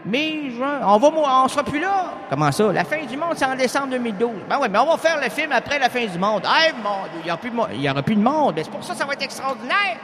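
A man's voice: extremely high pitch, big pitch swings, fast talker, few pauses, noisy background. A man with a Québécois accent doing a rambling improvised comic monologue full of wordplay. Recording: long hall reverb with faint music.

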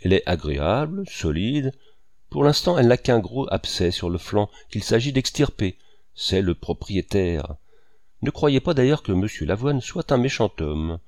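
A man's voice: fairly low pitch, sing-song, moderate pace, a little mellow, no echo, clean studio sound. A man voicing a boastful, exuberant male painter who talks grandly and at length. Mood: jovial. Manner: grandiose, voluble.

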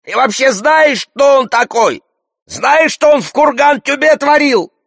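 A desperate man strains to shout over a crowd, his voice pitched high and drawn out, as a male reader puts him on. The audiobook sound is dry and close. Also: measured pace, vocal fry, no room sound, exaggerated voice. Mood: pleading. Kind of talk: audiobook character voice.

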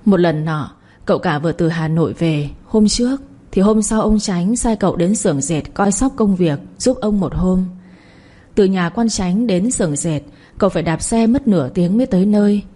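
A woman's voice: lowish voice, normal speed, dark tone. A woman narrating a serialized story and voicing every character.

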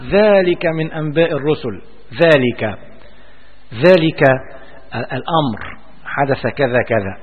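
A man's voice: on the high side, husky. A man giving a religious lesson, explaining scripture and repeating key phrases for emphasis. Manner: repeats phrases for emphasis, deliberate teaching cadence. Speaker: Islamic scholar teaching Quran commentary. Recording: dull audio with long hall reverb.

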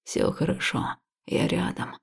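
A woman voicing a tender, loving young man in an audiobook, speaking softly and soothingly. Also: unhurried, natural voice. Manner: soft, soothing, half-whispered. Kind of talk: audiobook character voice.

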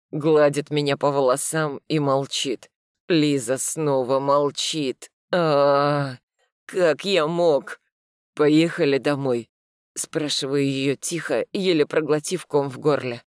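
A man narrating a first-person audiobook in a brooding manner, slowing down for bitter inner thoughts. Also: on the high side, clean tone, no echo, studio quality.

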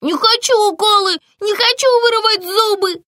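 A woman's voice: extremely high pitch, lively intonation, slow, bright, forceful tone, dry recording, studio quality, pitched above the performer's own voice, exaggerated voice. A woman voicing a scared, whiny little boy in a children's audiobook.

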